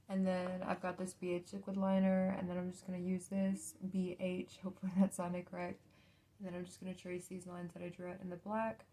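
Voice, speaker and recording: Young female makeup vlogger, even-toned with heavy vocal fry, informal, thinking aloud, mouth sore-state after wisdom teeth removal. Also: medium pitch. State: mouth recovering from wisdom teeth removal a few days earlier. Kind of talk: casual chatty makeup tutorial.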